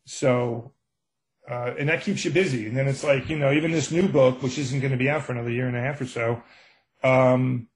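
Brooklyn accent, mature male, medium pitch, casual interview chat, anecdotal storyteller. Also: fairly even intonation, a little fast. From Brooklyn, New York. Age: middle-aged or older. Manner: anecdotal, acts out quoted exchanges. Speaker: true crime author, podcast guest.

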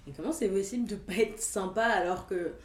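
A woman's voice: medium pitch, brisk. Woman just chatting, everyday slangy phrasing, roomy echoey sound. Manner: informal, colloquial French phrasing. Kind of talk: casual chat.

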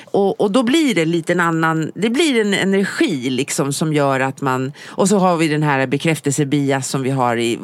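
A woman author co-hosting a podcast, explaining her ideas in a thoughtful, measured casual chat. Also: deep voice. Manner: thoughtful, measured, says "liksom" often.

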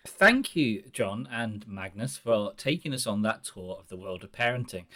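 A man hosting a podcast, reading forum posts aloud in a measured, earnest way. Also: on the low side, expressive, sharp tone. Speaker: podcast host.

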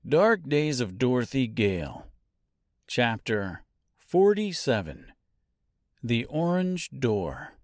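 A man's voice: medium pitch, very animated, slow pace, pauses often, no echo, clean studio sound. A man reading a novel aloud as scripted narration, drawing out key words for drama. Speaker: audiobook narrator.

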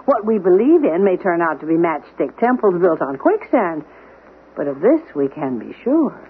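A woman's voice: on the low side, big pitch swings, normal speed, breathy edge, exaggerated voice. A woman playing a formal, composed household servant who lectures her employer in a 1970s radio drama. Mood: prim. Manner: formal, unflappable, gently reproving. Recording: tinny old radio broadcast, faint hiss.

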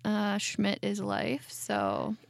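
Gravelly-voiced woman in her twenties. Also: medium pitch, extremely slow, dry recording, studio quality. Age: 20s. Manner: chatty, filler-heavy, relaxed. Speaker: podcast co-host. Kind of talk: casual chat. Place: studio.

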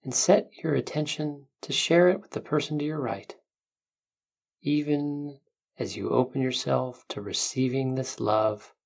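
Gravelly-edged, soothing meditation guide. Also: mid-range voice. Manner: soothing, unhurried, gentle instructions with long pauses. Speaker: meditation guide, podcast host.

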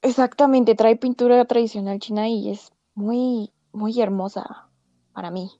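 A woman's voice: fairly high pitch, fairly even intonation, measured pace, warm tone, dry recording, dull audio. A woman co-hosting a casual podcast chat, correcting herself as she goes. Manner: chatty, self-correcting. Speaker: podcast co-host.

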